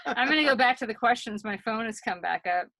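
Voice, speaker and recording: A woman's voice: a little high, animated, fast, bright, forceful tone, dry recording. A woman co-hosting a casual podcast, chatty and leading the talk with questions. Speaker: co-host.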